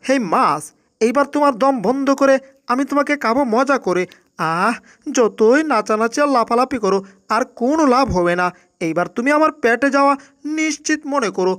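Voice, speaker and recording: A boastful cartoon tomcat played by a woman with a very high voice. He is quick to panic and speaks in exclamations, in the style of a dubbed cartoon. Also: lively intonation, fairly bright tone. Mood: gloating. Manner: rhyming boasts, exclamatory wailing. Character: boastful, easily panicked male cartoon cat. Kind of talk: Bangla cartoon dub.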